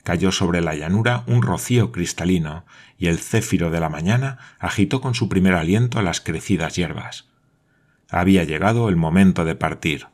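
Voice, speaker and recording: A man narrating an adventure novel in a steady, measured audiobook reading. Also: low-pitched.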